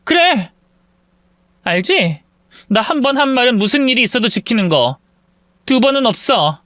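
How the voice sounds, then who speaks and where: A man's voice: extremely high pitch, very animated, normal speed, fairly bright tone, dry recording, clean studio sound, voice pushed up, heavily acted. A man voicing a furious, exhausted young wife and mother who scolds her husband, in a storytelling radio reading. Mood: desperate. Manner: indignant, scolding.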